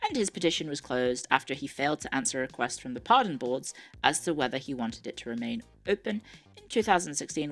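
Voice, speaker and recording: Reading aloud on a casual live stream, this young woman from Ireland adds wry asides and corrects herself quickly. She has a low, fairly bright voice and a mixed accent of Irish, English and Australian-tinged elements.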